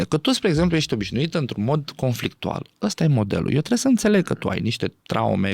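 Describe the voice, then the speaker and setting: A man speaking as a podcast guest in animated conversation, often laughing and acting out what others say. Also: medium pitch, gravelly, dry recording, clean studio sound. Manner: animated, acts out quoted speech, laughs often.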